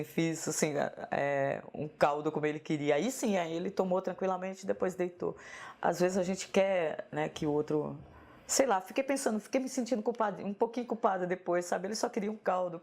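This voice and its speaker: A woman with a Northeastern Brazilian accent, speaking in a slightly low voice. She reminisces at a soft, unhurried pace and keeps checking in with a gentle "né?". She sounds like a writer being interviewed for a documentary. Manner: soft-spoken, unhurried, tags phrases with "né?". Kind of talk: reflective personal reminiscence.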